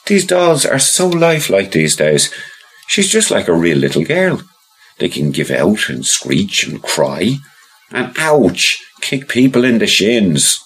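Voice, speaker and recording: A man's voice: on the low side, sing-song, takes it slowly, fairly bright tone, slightly rough, pitched above the performer's own voice, heavily acted, rough recording. A man doing a fussy, fretful shopkeeper. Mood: amazed.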